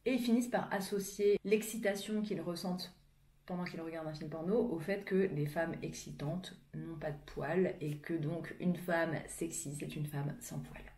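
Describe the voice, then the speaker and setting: In an echoey room, a young woman gives a casual explanatory vlog monologue, frank and chatty with plenty of fillers. Her voice sits low and is a little mellow, with fairly even intonation at a moderate pace.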